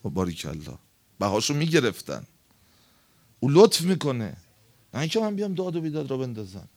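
A man preaching a sermon to a gathering, telling a story in a colloquial, impassioned way and swinging between loud, high emphasis and low asides. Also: very animated.

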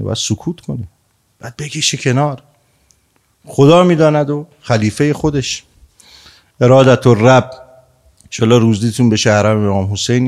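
A man delivering a religious sermon, retelling a story and urging his listeners, with emphatic raised lines that drop into quiet, low asides. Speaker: preacher.

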